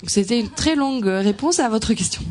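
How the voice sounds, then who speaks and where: A woman interpreting a talk sentence by sentence, halting and searching for words as she goes. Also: a little high, expressive, a little mellow. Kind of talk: consecutive interpretation into French.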